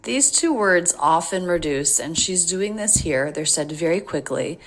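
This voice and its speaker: Low-voiced woman teaching pronunciation. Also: animated. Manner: slow, careful repeating of words. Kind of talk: English pronunciation lesson.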